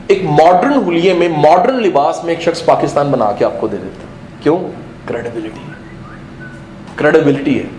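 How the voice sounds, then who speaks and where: A man giving an animated motivational lecture to a live audience, full of rhetorical questions and bits of English and Punjabi. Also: fairly high pitch, roomy sound, a little hiss or hum, low-quality recording. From Pakistan. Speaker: motivational speaker.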